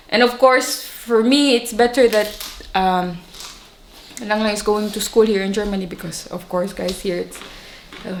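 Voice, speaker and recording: A young woman with a Filipino accent, chatting casually and rambling, laughing often. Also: mid-range voice. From Philippines. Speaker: vlogger. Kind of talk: casual chat. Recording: echoey room, faint noise.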